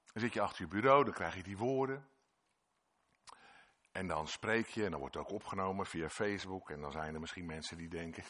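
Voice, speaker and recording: Earnest male preacher, bright voice. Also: sits low. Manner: earnest, repetitive, acts out voices in quotes. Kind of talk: sermon.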